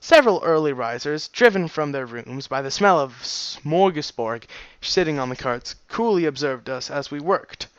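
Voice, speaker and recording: Man, reading a story aloud, casual rambling asides, smooth fairly high voice, dry dull recording. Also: animated, moderate pace, hardly any pauses, dry recording. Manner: laughs and breaks off into rambling asides. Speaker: reader of a fan story.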